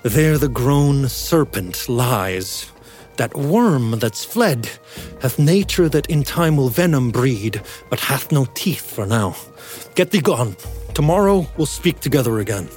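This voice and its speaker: A man's voice: medium pitch, lively intonation, slow pace, darkish tone, faint music behind. An actor playing a guilty, haunted king at a feast, declaiming in a Shakespearean stage style with agitated outbursts. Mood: dismissive.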